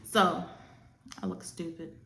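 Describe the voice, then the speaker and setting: A woman chatting casually while doing makeup, retelling a movie in a sassy, animated way. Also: lowish voice, slow pace, gravelly, roomy sound, slight background noise. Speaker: makeup artist.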